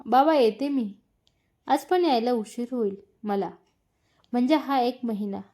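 A woman voices a shy young woman from a spoken romance story. She speaks softly and politely. The tone is warm and sits fairly high. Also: measured pace.

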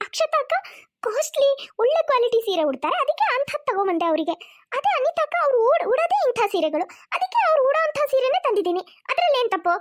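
A woman's voice: very high voice, very animated, quick pace, pitched above the performer's own voice. A woman voicing a haughty young sister-in-law in a cartoon, talking in sneering, mocking questions. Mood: scornful.

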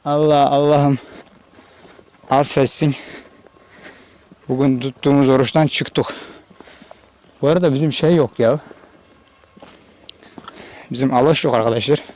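A man's voice: mid-range voice, fairly even intonation, a little slow, pauses often, darkish tone. A man from Turkey, a shepherd, chatting casually to his viewers while out on an open pasture and filming with his own camera. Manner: chatty, addresses viewers directly, calls out to animals. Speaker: shepherd vlogger. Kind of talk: casual outdoor vlog narration. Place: open hillside pasture outdoors. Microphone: handheld or body-worn camera.

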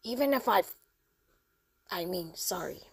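A woman voicing a brooding, irritable young immortal warrior in a breathy half-whisper, one of her switching game impression voices. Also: lowish voice, animated, measured pace, dry recording, voice pushed down, exaggerated voice. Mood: brooding, irritated.

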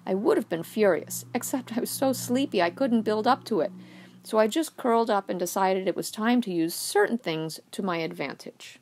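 A woman's voice: medium pitch, expressive, normal speed, gravelly, darkish tone, a little hiss or hum. A woman reading a short story aloud in a wry first-person narration. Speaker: reader.

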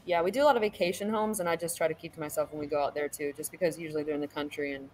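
This thirties-aged woman, California-born and Virginia-raised, joins a panel from an indoor home room through her webcam, chatting casually with frequent ums and easy laughs. Her deep, slightly mellow voice runs very fast with fairly even intonation. Slight background noise comes through on the rough recording.

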